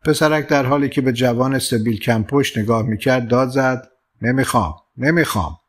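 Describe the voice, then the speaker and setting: Calm male audiobook narrator. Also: mid-range voice. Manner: calm, measured storytelling with lightly voiced quoted lines. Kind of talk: scripted narration.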